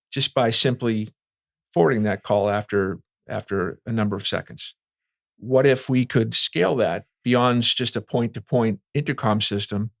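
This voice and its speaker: Interviewed as a security and communications industry veteran, a man explains things conversationally, often checking in with "right?". He has a mid-range voice with vocal fry, recorded in studio quality without echo.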